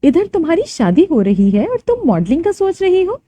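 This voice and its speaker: A woman's voice: extremely high pitch, huge pitch swings, brisk, warm tone, pitched above the performer's own voice, exaggerated voice. A woman storyteller voicing a chatty, caring young woman friend from college who talks casually and mixes in English words. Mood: persuading.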